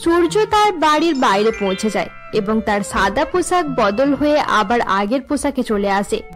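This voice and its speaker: A woman tells a cartoon story in scripted, even narration, her voice sitting high with soft music behind it. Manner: even, measured telling.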